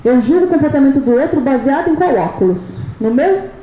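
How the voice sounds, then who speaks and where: A woman's voice: high-pitched, lively intonation, a little fast, warm tone, muffled recording. A woman with a Brazilian Portuguese accent gives a live lecture at a leadership event. She keeps checking in with the audience through rhetorical questions. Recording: echoey hall with faint noise.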